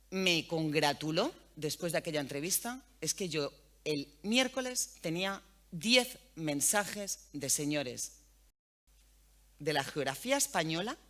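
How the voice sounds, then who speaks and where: A woman's voice: sits low, fairly bright tone. A woman with a Spanish accent, a radio journalist speaking bluntly and earthily as a guest at an interview panel. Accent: Spain. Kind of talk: frank conversational interview. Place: event panel.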